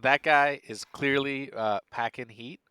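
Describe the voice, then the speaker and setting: A man co-hosting a casual card game podcast, joking and thinking out loud with plenty of fillers. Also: medium pitch, steady tone, a little slow, clean tone, no echo. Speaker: podcast co-host. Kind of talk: casual gaming chat.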